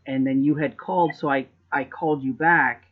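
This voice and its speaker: A man's voice: mid-range voice, steady tone, moderate pace, phone-quality sound. A man hosting a podcast in casual chat, rambling and reflective and often repeating words as he thinks. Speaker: podcast host.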